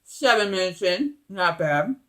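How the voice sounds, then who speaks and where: Casting: middle-aged woman, mukbang host, sharp bright voice, emphatic casual chat between bites. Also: on the low side, lively intonation, measured pace. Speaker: mukbang vlogger. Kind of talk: casual chat while eating.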